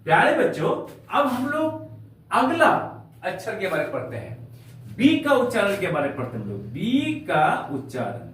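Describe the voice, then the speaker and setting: A man's voice: high voice, wildly swooping pitch, normal speed, fairly bright tone, a little hiss or hum. A man teaching a spoken English lesson to students, spelling words out letter by letter and calling them dear children, recorded from a distance in a very echoey room. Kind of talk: classroom-style spoken English lesson in Hindi.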